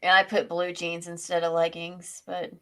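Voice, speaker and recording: A woman hosting a casual livestream, animated and giggly, with "like" in almost every sentence. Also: fairly low pitch, normal speed. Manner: giggly, animated, says "like" often. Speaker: host.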